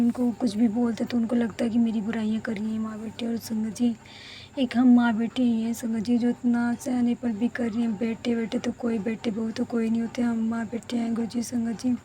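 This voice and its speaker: Young female devotee, earnest testimony, higher flat voice, mellow tone. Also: slight background noise, rough recording. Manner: earnest, emotional storytelling, often addressing the congregation. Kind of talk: personal testimony.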